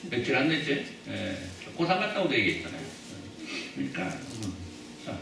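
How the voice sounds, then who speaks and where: A man's voice: mid-range voice, very animated, moderate pace, gravelly. A male pastor preaching a sermon in a chatty, joking way, often putting questions to the congregation. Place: church sanctuary. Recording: echoey church hall, mic at a distance.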